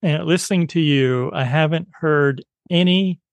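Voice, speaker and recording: A man hosts an interview in an easygoing, agreeable way, often restarting his sentences. His voice sits a little high for a man. The sound is close and dry. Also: normal speed, no echo. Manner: affable, agreeable, frequent restarts. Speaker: interviewer, host. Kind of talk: conversational interview.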